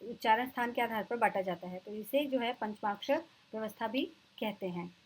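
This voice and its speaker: A woman teacher giving an exam-prep lecture, explaining terms and slowly repeating them for her students. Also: fairly high pitch, a little hiss or hum, low-quality recording.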